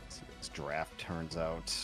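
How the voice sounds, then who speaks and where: A man co-casting an esports stream in casual chat, trading dry, deadpan quips. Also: very deep voice, moderate pace, soft background music.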